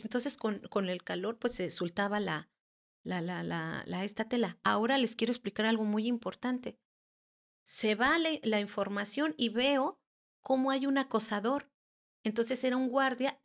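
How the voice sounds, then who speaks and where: A woman around forty, a therapist and podcast guest, recounting a personal paranormal experience in a halting way, often restarting and searching for words. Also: a little high, creaky.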